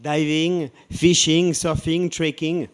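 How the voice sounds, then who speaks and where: A man with a French accent, speaking English as a second language in a light, halting conference presentation. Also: fairly high pitch, level tone, clean tone. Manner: halting, laughs often. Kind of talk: scripted two-person presentation.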